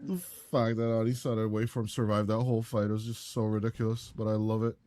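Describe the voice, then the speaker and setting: Low-voiced man doing chatty esports analysis. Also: level tone, brisk, mellow, no echo. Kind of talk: color commentary.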